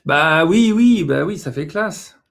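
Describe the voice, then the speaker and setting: Male co-host, slightly high voice, playful, self-deprecating, casual swearing, loose chat. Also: expressive, slow pace, vocal fry, fairly bright tone. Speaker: co-host of an oracle card reading livestream.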